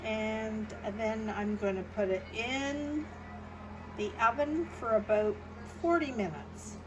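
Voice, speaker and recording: A woman's voice: a little high, takes it slowly, background noise. A middle-aged woman chatting homily through a bread recipe in her kitchen. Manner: homey, chatty, step-by-step. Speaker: home baking vlogger. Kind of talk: casual cooking demonstration.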